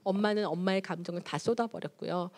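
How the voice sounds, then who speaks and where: A woman lecturing on child development at a church, lively and animated, acting out little scenes between mothers and children. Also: mid-range voice, fast. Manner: animated, acts out mothers and children in quoted voices. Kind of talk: parenting lecture. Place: church hall.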